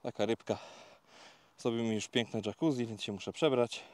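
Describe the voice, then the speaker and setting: A man talking casually to viewers in a fishing vlog, explaining each step in a relaxed, chatty way with many fillers, recorded outdoors by a lake. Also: medium pitch, normal speed. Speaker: carp fishing vlogger.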